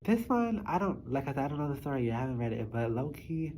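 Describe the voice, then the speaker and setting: A woman's voice: a bass voice, very animated, quick pace, warm tone, soft background music, poor audio. A young woman vlogger chatting informally to her viewers in a small study room, with loose articulation. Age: young adult. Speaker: YouTube vlogger. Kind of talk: casual chat to viewers.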